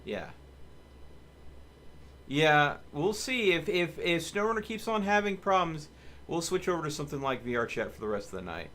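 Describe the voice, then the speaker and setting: Here a man chats loosely while streaming a game, rambling as he works things out aloud. His pitch runs on the high side with big swings, at a normal speed and a somewhat bright sound.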